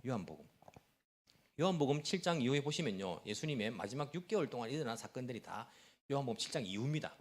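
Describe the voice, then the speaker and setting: A middle-aged man preaching a Sunday sermon as pastor of a church, quick and lively, asking the congregation questions and answering them himself. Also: medium pitch. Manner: fast-talking, self-aware, chuckles at himself. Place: church sanctuary.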